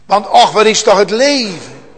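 A man preaching a solemn sermon, slow and earnest, rising at times to loud emotional cries. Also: sits high, big pitch swings, breathy edge. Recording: long church reverb.

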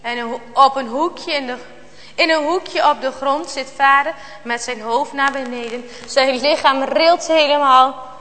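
High, bright-voiced woman telling a story. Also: long reverb tail. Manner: dramatic, slow storytelling with hushed tension. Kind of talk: children's Bible story reading.

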